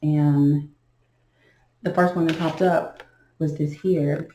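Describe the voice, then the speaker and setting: A woman gives a casual tarot reading, thinking aloud in a slow, halting way. Her voice sits low and sounds mellow. The room is echoey, with a faint noise underneath. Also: steady tone. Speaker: tarot reader.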